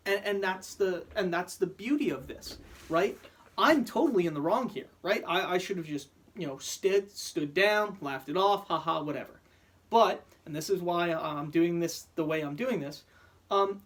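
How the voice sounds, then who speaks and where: Profane, stammering man ranting heatedly. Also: high-pitched. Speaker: vlogger. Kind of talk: angry rant to camera.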